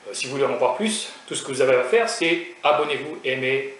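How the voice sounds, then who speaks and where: A man's voice: medium pitch, expressive, fairly quick, a bit bright, far from the mic. A young man from France chatting casually in a food vlog, hesitant with many fillers and restarts, joking at his own expense. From raised in France. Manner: self-mocking humor. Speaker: food vlogger. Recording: echoey room, voice from off mic, faint noise.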